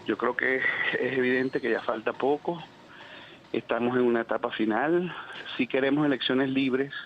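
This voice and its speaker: A man's voice: medium pitch, steady tone, moderate pace. A Venezuelan man with a Venezuelan Spanish accent, calling in by phone to a news interview, answering earnestly and argumentatively with many hesitations. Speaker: phone guest, Venezuelan community representative. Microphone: telephone line. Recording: dull lo-fi phone line, faint noise.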